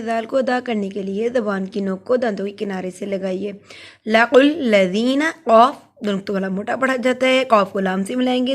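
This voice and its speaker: A woman with a bright, high voice guides learners through recitation. She speaks patiently and step by step, sounding out each letter before she explains the rule behind it. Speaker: Quran recitation teacher. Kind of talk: tajweed lesson, slow recitation then explanation.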